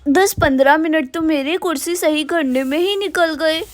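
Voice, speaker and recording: Casting: woman playing a high-voiced, grumbling old grandmother for a doll cartoon, dry close sound. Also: moderate pace, no room sound, natural voice. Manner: grumbling, scolding. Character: old village grandmother, bossy and fussy.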